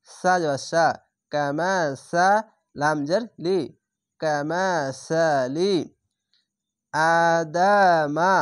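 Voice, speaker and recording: Slow, patient man teaching recitation. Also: on the high side, dry recording, clean studio sound. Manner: spells syllables then chants words drawn out. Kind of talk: slow spelled-out tajweed lesson.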